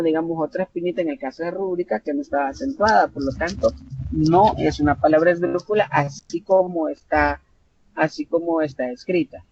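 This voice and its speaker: A man's voice: fairly high pitch, darkish tone. Man, Salvadoran accent, online tutor, patient, filler-heavy, muffled audio, faint hiss. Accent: Salvadoran Spanish. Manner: patient, explanatory, with frequent fillers and self-corrections. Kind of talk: live online class. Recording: dull lo-fi online class audio with faint noise.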